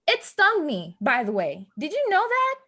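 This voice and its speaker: Her pitch swings hugely as a woman with a high voice gives a full character voice, pushed and bright, playing a wounded, anxious neighbor. She earnestly pleads, reproaches, and insists on her point in halting, naturalistic stage dialogue, sounding accusing and wounded.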